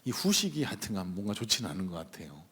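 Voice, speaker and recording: A man's voice: deep voice, very animated, quick pace, fairly bright tone, breathy edge. A male pastor telling a personal story in a sermon, conversational and full of hesitant fillers, speaking from the pulpit of a church sanctuary. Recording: long reverb of a church hall.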